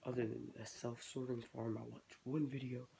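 Working on his hobby indoors in a small bedroom, a teenage reptile-keeping vlogger talks casually, rambling as he thinks out loud. His mid-range voice is level, moderately paced, creaky and mellow, and congested from a cold. The home webcam audio is noisy.

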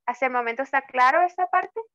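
A woman's voice: high voice, fairly bright tone, no echo, muffled recording, faint music behind. A woman tutor teaching English grammar over an online class, drawing out example words and often checking with "¿ok?". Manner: slow, drawn-out example words, frequent checking "¿ok?". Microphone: video call.

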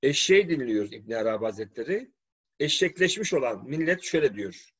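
A man's voice: medium pitch, sing-song, fairly quick, fairly bright tone, husky. A man delivering a preachy, scornful religious-political commentary monologue. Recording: dull lo-fi recording.

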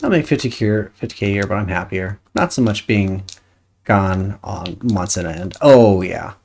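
A woman's voice: rumbling low, expressive, moderate pace, darkish tone, slight background noise. Chatty woman streamer muttering at a game. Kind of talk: casual chat while playing a game.

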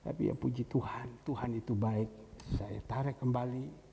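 A man's voice: medium pitch, fairly even intonation, normal speed, gravelly, dark tone. A middle-aged man preaching as a pastor, telling a story in a conversational way and acting out the voices of people he quotes. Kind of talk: storytelling sermon. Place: church hall. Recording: echoey church hall with faint noise.

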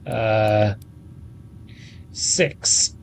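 Speaking extremely slowly in a lowish, creaky voice with fairly even intonation, a thirtysomething man gives offhand let's-play commentary as a gaming video host. There's slight background noise, plus faint game music and video game sound.

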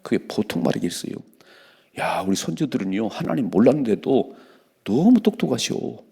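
A male pastor giving an early-morning sermon in a church, reading scripture slowly and loudly, then speaking plainly to the congregation. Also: lowish voice, sing-song, breathy edge. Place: church sanctuary.

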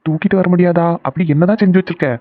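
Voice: mid-range voice, fairly even intonation, racing, no room sound, lightly acted. A performer voicing an emotional young cartoon husband. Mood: teasing. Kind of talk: animated cartoon voice acting. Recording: dry, phone-like narrow sound.

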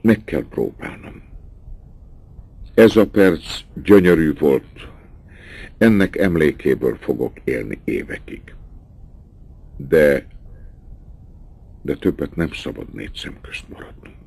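A man's voice: very deep voice, lively intonation, long pauses, darkish tone, breathy edge, no echo, full character voice. A man playing a whispering, torn young countess. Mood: torn, pleading. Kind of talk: audiobook dialogue.

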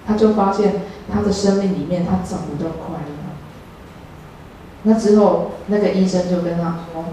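A woman's voice: fairly low pitch, warm tone. Taiwanese lady preaching, earnest, encouraging, big echo, mic pretty far away. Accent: Taiwanese Mandarin. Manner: earnest, encouraging, addresses congregation. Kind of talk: sermon. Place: church sanctuary. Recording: echoey church hall, distant mic, faint noise.

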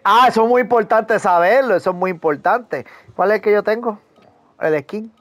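A man chatting casually while playing an online game with a friend, teasing him and breaking into excited shouts. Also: high voice, normal speed, no room sound. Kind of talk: casual gaming chat.

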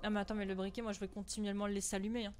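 A woman's voice: medium pitch, level tone, racing, a little hiss or hum. A young woman giving nervous, jumpy let's-play commentary on a horror game, swearing and laughing anxiously. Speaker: gaming streamer.

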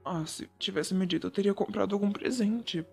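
A man voicing a shy, sweet young male photographer in a whispered role-play, talking softly and bashfully to the listener. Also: high voice, a little fast, vocal fry, soft background music. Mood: gentle. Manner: soft, gentle and bashful, addressing the listener.

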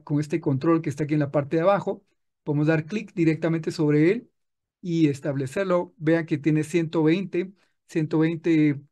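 A man teaching music software in a screen-recorded tutorial, patient and explaining step by step with frequent restarts. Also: on the high side.

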